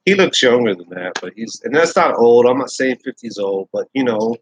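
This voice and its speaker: Laid-back husky man, rambling chat. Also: mid-range voice, lively intonation, a little fast, low-quality recording. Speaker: host. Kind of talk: casual chat.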